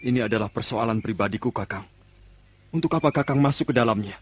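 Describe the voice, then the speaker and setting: An actor playing a proud, guarded and bashful younger brother in an old radio drama style. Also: male voice, medium pitch, quick pace, slight background noise, close to an everyday voice. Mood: defensive.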